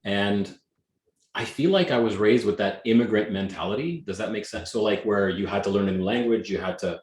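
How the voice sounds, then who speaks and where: A Canadian-born man whose first language was Greek, now a real estate team leader, is an energetic, emphatic guest in a casual interview. His voice is lowish and a little mellow, he talks a little fast, and the recording has an echoey room sound.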